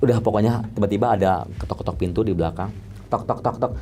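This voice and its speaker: A man's voice: on the low side, quick pace, mellow, a little hiss or hum. A man from Depok who does makeup, telling a story in an interview in casual slang and acting out sounds like tapping. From Depok, Indonesia. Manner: vivid, acts out sounds with "tek, tek" effects. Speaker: makeup artist guest.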